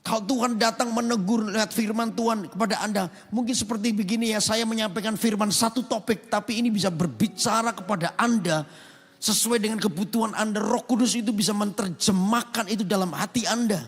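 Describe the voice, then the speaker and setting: Husky high-pitched preacher, hall echo. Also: male voice, fairly even intonation, a little fast. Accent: Indonesian. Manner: emphatic, calls for amen responses. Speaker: pastor. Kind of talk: sermon with acted anecdotes. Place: large rooftop church hall.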